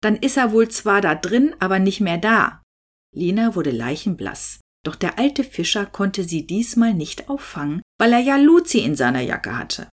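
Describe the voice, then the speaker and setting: A woman reading a story aloud as the narrator, with lively storytelling. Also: on the low side, slightly rough. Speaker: audiobook narrator. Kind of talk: scripted narration.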